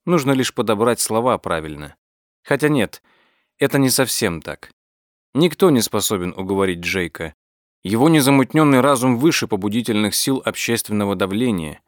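A man reading an audiobook as its narrator, telling the story in a measured, even way. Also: on the low side, no room sound, clean studio sound. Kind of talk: scripted narration.

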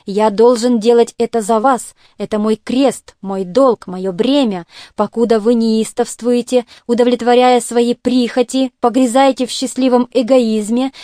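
An indignant, self-righteous nobleman husband, read by a woman in an audiobook. The tone is mellow and fairly high, recorded close and dry. He lectures and scolds as if always in the right. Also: dry recording, natural voice. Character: jealous, pompous nobleman husband, middle-aged. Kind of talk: audiobook character reading.

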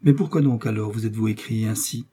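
A man reading aloud and voicing an earnest, trusting young woman in a higher, eager and emphatic voice. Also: quick pace, warm tone, husky. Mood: pleading.

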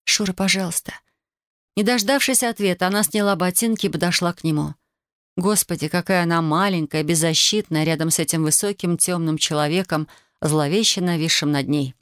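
A woman narrating a novel as an audiobook with even, measured storytelling. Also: on the low side, clear, resonant tone, no room sound, clean studio sound.

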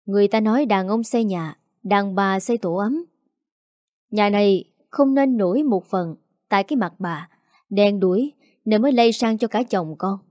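A woman's voice: mid-range voice, normal speed, mellow, no echo, clean studio sound, natural voice. A woman voicing a stubborn middle-aged peasant father who bickers defensively. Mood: bickering.

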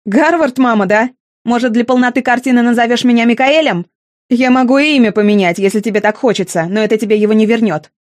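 A woman's voice: a little high, fast talker, no echo, studio quality, natural voice. A woman voicing a cold, tired and bitter young man in an audiobook. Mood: bitter outburst. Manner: icy, tired, quietly bitter.

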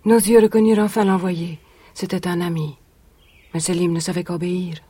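An actress in a 1980s radio drama playing a young woman who was once a captive, telling her story in a measured, solemn way. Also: lowish voice, fairly even intonation, warm tone, husky. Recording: vintage radio recording.

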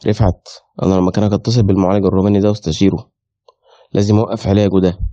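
A man's voice: deep voice, flat delivery, rapid-fire, mellow, no room sound, muffled recording. A man playing an exasperated Egyptian friend. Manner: exasperated, lecturing. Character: exasperated middle-aged male friend.

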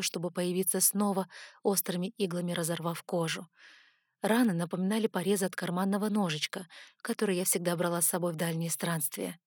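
A woman reading a fantasy novel aloud in steady, measured first-person narration. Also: on the low side, dry recording, studio quality. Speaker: audiobook narrator.

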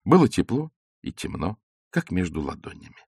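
A man reading literary prose aloud in a measured, expressive way. His voice sits somewhat low and moves through a lively range of intonation. The recording is close and dry, with no room sound. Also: breathy edge, dry recording. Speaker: audiobook narrator.

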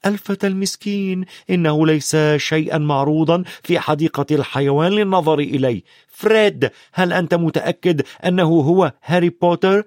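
A man's voice: fairly high pitch, brisk, darkish tone, no echo, studio quality, pitched above the performer's own voice, close to an everyday voice. A man voicing an anxious, stern middle-aged mother in a storybook reading, fussing and scolding.

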